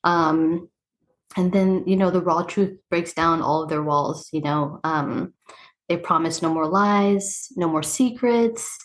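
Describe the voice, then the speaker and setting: A woman's voice: lowish voice, slow pace. A woman hosting a podcast, recapping a show in casual chat and often tagging her sentences with "right?" and "you know". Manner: conversational, many fillers like "right?" and "you know". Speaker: podcast host.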